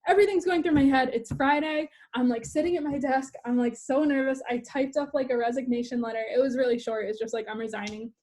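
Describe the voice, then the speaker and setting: A woman's voice: sits high, fast talker, hardly any pauses, darkish tone. A young woman telling her own story in a chatty live stream, using lots of "like" and stopping to answer viewer comments. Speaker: business coach. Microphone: phone live stream.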